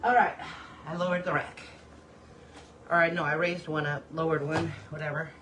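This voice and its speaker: This home-kitchen cooking host chats with viewers on a phone livestream, calling them y'all while a little hot and short of breath. She talks at a moderate pace in a low voice with little pitch movement, against background noise.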